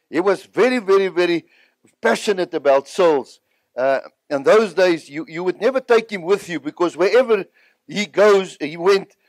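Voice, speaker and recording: Giving a sermon-like testimony, a high-voiced older preacher from Southern Africa narrates his story to listeners, stressing points by repeating phrases. He was born in Zimbabwe and grew up partly in South Africa. The audio has no room sound.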